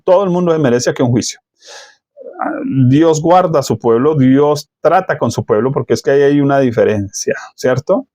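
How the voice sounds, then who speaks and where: A man's voice: medium pitch, normal speed, dark tone, no echo. A middle-aged man with a Colombian accent preaching a sermon in a conversational way, full of rhetorical questions. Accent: Colombian Spanish.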